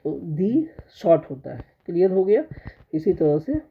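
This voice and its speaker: A man teaching English grammar, drilling pronunciation by repeating example words slowly and checking understanding again and again. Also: sits high, very animated, slightly rough, phone-quality sound. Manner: keeps checking understanding with repeated "theek hai" and "spasht ho gaya". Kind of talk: explaining a grammar lesson.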